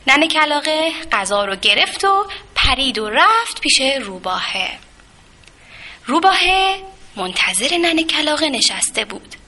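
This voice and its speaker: A woman narrating a children's story in a gentle, expressive way. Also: high-pitched. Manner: gentle, expressive, with sound effects.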